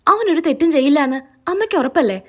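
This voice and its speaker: An earnest young woman insists firmly on someone's innocence, read out by a woman. Her voice is high. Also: animated, quick pace. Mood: insistent.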